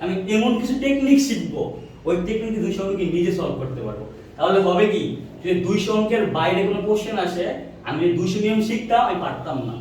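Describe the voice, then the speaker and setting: A man's voice: sits high, lively intonation, fast talker, darkish tone, a little hiss or hum. Man, physics teacher, call-and-response drilling, distant mic, echoey classroom. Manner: drills students with repeated questions, answers himself. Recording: echoey room, mic far off.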